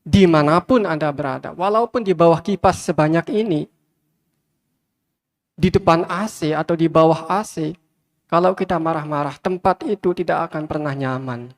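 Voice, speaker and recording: A man's voice: fairly high pitch, moderate pace. A man, a Buddhist monk, giving a sermon with repeated, emphatic phrases and speaking straight to his listeners. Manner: repetitive emphatic preaching, addresses listeners directly. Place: large hall with many fans. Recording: long hall reverb.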